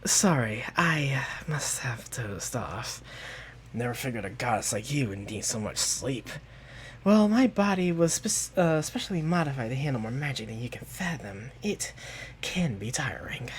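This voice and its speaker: A woman's voice: extremely low pitch, sing-song, normal speed, a little mellow, a little hiss or hum. A man voicing a weary ancient goddess. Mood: languid. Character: ancient weary goddess woman, lofty and dry.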